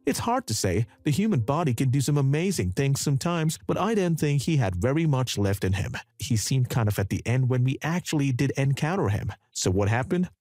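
A man narrates a dramatic true story in scripted voice-over, accompanied by background music but without any room sound. His delivery is brisk with few pauses, and his pitch is animated throughout.

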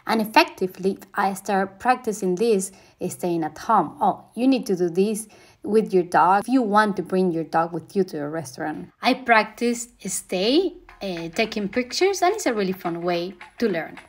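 A woman's voice: medium pitch, animated, normal speed. Woman vlogging, echoey room. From Venezuela. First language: Spanish. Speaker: dog owner vlogger. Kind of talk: casual talk to camera. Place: living room, indoors.

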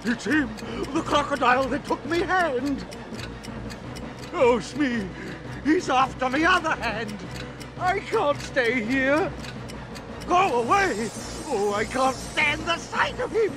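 Pompous cartoon pirate captain, high swoopy voice, draggy slow delivery, game music under it. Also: male voice, expressive, exaggerated voice. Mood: panicked. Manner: blustering, then panicky and whining. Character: pompous male pirate captain, theatrical villain. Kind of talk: game cutscene voice acting.

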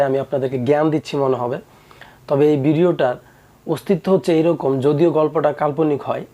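A young man tells a moral tale in an earnest, preachy way. His voice is warm and mellow and sits a little high. He talks straight to his listeners and drives the lesson home. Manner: earnest, preachy, with acted quotes. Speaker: storyteller. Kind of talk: moral storytelling to camera.

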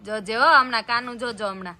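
A woman's voice: fairly high pitch, fast talker, pushed and bright. A woman chatting through a home vlog, often cooing in baby talk to an infant. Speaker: vlogger. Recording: noisy with passing traffic.

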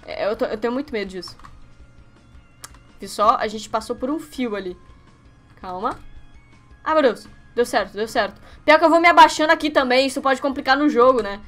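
A young Brazilian woman giving let's-play commentary on her webcam setup, excitable and quick to yelp and shriek at each slip. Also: fairly high pitch, faint music behind. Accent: Brazilian Portuguese. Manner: excitable, yelps and shrieks when failing. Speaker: gaming youtuber.

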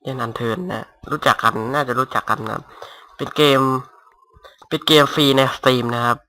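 A young man casually commentating his Minecraft game at home on a headset mic, talking softly and rambling. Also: mid-range voice, measured pace. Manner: rambling, talks softly to avoid disturbing neighbors. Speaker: gaming YouTuber. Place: home room. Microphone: cheap gaming headset mic.

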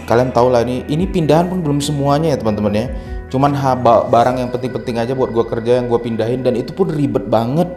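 A man's voice: medium pitch, mellow. Man talking in a strongly echoing room. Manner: chatty, keeps addressing viewers as friends. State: tired. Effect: strong echo in a bare room. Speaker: vlogger. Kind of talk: casual vlog chat, room tour. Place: bare, echoey new rented house, indoors. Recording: echoey bare room, faint music.

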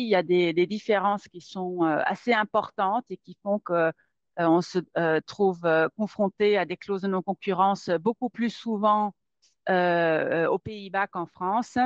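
An employment lawyer from the Netherlands presents a webinar, speaking hesitantly with many fillers and repeated words. Her voice is mid-range. The audio comes through a webcam or laptop mic on a video call, sounding dull, dry, muffled and lo-fi.

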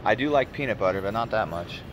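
A man's voice: fairly low pitch, fast, dull audio. Laid-back American man vlogging with noise behind. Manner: relaxed, crude, boastful joking. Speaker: retro game store owner. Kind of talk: casual vlog narration. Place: store, parking lot and supermarket.

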